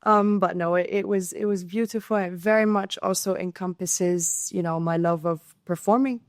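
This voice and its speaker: A woman's voice: lowish voice, fairly even intonation, normal speed, no echo, clean studio sound. A young woman from Syria, a podcast guest telling her story in an earnest way, often restarting and repeating words. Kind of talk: conversational interview storytelling.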